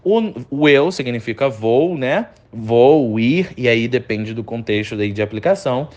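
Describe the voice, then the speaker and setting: A man teaching English grammar, saying example sentences slowly and checking in often with his students. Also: medium pitch, expressive, a little mellow, highs cut off. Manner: slow, drawn-out repetition of example sentences; chatty, checks in often with short tags.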